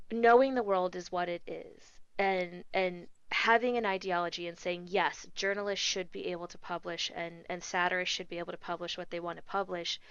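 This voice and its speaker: A woman's voice: on the low side, gravelly, a bit bright, clean tone, dry recording. A woman co-hosting a casual podcast discussion, talking earnestly and hesitantly with many ums and restarts. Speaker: podcast co-host. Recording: dull lo-fi podcast audio.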